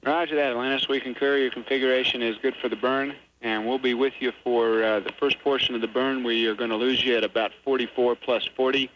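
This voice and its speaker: A man as mission control communicator, speaking calm, clipped radio protocol over an air-to-ground radio transmission. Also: medium pitch. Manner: calm, measured, procedural. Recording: muffled radio link with faint hiss.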